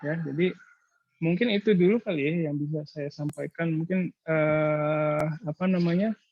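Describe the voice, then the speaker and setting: Man lecturer, raised pitch, dull dry audio. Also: dry recording. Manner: explanatory, hesitant, frequent filler pauses. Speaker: university lecturer. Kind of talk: casual thesis advising in an online seminar.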